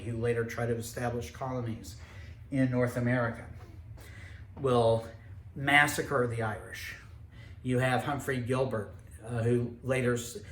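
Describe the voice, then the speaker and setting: A man delivers a history lecture in a steady, explanatory manner, pausing now and then to rephrase. His voice sits at an ordinary middle pitch. The recording has a noticeable room echo and a faint background noise. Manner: measured, explanatory storytelling with occasional hesitations.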